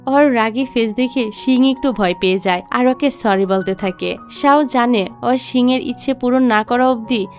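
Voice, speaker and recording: A woman, narrating a drama recap in a steady storytelling way with chatty asides. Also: on the high side, moderate pace, hardly any pauses. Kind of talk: scripted narration. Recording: faint background music.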